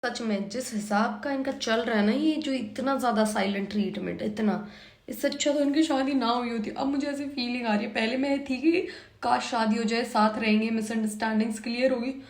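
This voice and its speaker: Young woman, high-pitched, lively drama-reaction host, recorded in an echoey room. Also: normal speed. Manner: animated, exasperated, talks back to the screen. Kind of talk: casual reaction commentary.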